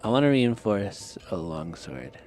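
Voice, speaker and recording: A man's voice: fairly low pitch, expressive, a little slow, a little mellow, a little hiss or hum. A man with a lisp chatting casually as he streams a game, rambling and muttering to himself. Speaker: live streamer. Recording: music playing under the voice. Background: background music.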